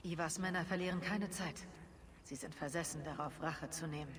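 A man voicing a calm, earnest Viking clan leader in a German game dub. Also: a little high, moderate pace, a crowd in the background, lightly acted.

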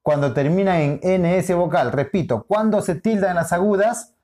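A school teacher with a high, warm and mellow voice teaches a recorded lesson at a moderate pace. He explains with patience, drawing words out, restating each point and asking short questions to check in.

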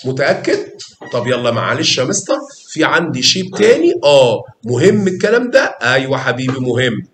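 A man's voice: mid-range voice, big pitch swings, a little fast, fairly bright tone, reverberant. A man with an Egyptian accent teaching a math lesson, coaxing students with questions and repetition. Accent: Egyptian Arabic. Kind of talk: lively classroom explanation.

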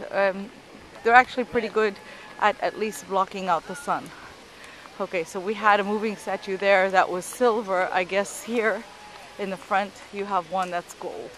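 A woman's voice: medium pitch, a bit bright, low-quality recording. A woman giving casual, unscripted travel narration with some hesitation, speaking from behind a handheld camera outdoors. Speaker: travel vlogger. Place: outdoors in a busy city piazza. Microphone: handheld camera, operator behind it. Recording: faint outdoor street noise.

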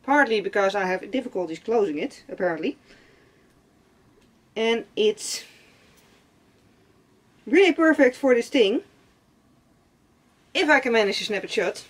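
Speaking at a measured pace with long pauses, a young woman with a high-ish voice and lively intonation talks casually about her clothes. It's a haul vlog filmed in a cluttered attic room at home, and she rambles somewhat, leaning on fillers and repeated words.

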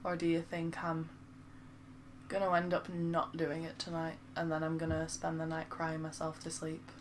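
A woman with a Lancashire accent talks through a game stream in a loose, chatty way, poking fun at herself and answering her viewers. Her voice sits a little low for a woman. A faint hum of background noise stays behind her. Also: completely flat delivery, moderate pace. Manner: chatty and self-mocking, reads viewer comments aloud. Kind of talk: casual live-stream chat.

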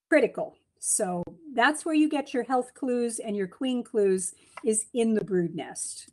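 A middle-aged beekeeping speaker presents slides from a room in her home, talking casually into a webcam on a video call and frequently saying um or starting over. She has a slightly high, somewhat mellow voice.

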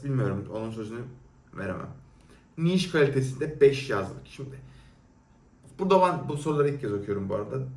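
A man's voice: medium pitch, gravelly, far from the mic. A young man answering viewer questions in casual talk, blunt and teasing as he reviews perfumes off the cuff. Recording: roomy echo, a little off-mic.

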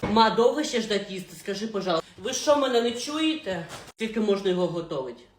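A woman voicing a rude, lazy, beer-drinking young husband who talks gruffly and swears. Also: mid-range voice, expressive, quick pace, echoey room, slight background noise, pitched below the performer's own voice, lightly acted.

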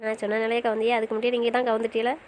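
A woman voicing a sulky, playful young wife who talks back quickly in an audio romance series. Her voice sits fairly high and she speaks. A faint hiss runs under the home recording. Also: monotone, natural voice, poor audio. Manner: fast, pouty back-talk.

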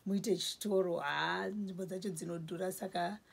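Slowly listing items as she displays her shelves, a woman in her forties who owns a small indoor grocery store chats casually in Shona. She has a Zimbabwean accent and a fairly low, steady voice that is gravelly and husky.

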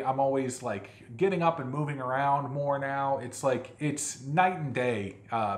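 A man co-hosting a food vlog, chatting casually with jokes and rambling fillers. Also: medium pitch. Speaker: vlog co-host. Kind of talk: casual chat. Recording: echoey room.

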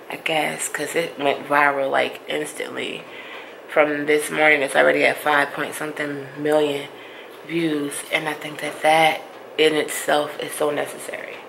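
Chatty low-voiced woman vlogging. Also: gravelly, fairly bright tone. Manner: chatty, playful, uses "y'all". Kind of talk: casual vlog chat. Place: car and shops. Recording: noisy phone recording.

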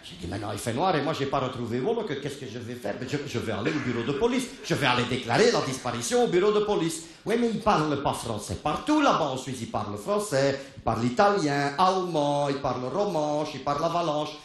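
A man spins a comic tale in a high, bouncing voice that leaps all over the place. He laughs through his lines and bursts into shouted impressions of the people in his story. The sound is roomy, with an echo around him. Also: expressive, fast, hardly any pauses. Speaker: comedian.

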